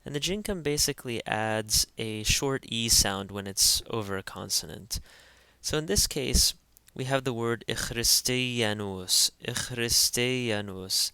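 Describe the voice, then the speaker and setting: A man teaching pronunciation in an instructional voice-over, carefully spelling out each sound and repeating every word slowly. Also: medium pitch, animated, gravelly, bright, forceful tone, smooth, dry recording. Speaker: language teacher.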